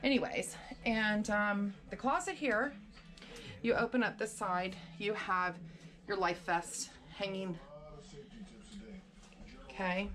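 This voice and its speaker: A woman's voice: medium pitch, steady tone, takes it slowly, long pauses, fairly bright tone, soft background music. A woman vlogger chatting casually as she walks through and shows a room, a little out of breath. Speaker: vlogger giving a room tour. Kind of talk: casual room tour narration.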